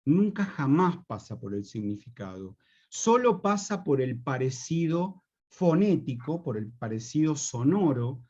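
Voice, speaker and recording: A man in his fifties with a Rioplatense Spanish accent, giving a slow, explanatory university lecture on slang and repeating his key points for students. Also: mid-range voice, dark tone, muffled recording.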